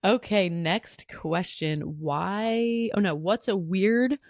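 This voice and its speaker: A young woman hosts a solo podcast, answering listener questions in a chatty, rambling style full of fillers and restarts. Her mid-range voice is a little mellow and she takes her time. The recording is dry.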